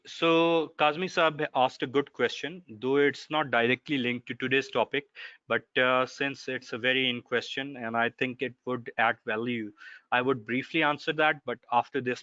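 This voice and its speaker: Man, Pakistani accent, bright forceful tone, emphatic lecturer, dry slightly lo-fi call audio. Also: medium pitch, no echo. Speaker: seminar speaker answering legal questions. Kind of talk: explanatory online lecture with Q&A.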